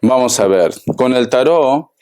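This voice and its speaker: A man giving a tarot reading, speaking slowly and deliberately and addressing the listener directly. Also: medium pitch, expressive, mellow, smooth. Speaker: tarot reader.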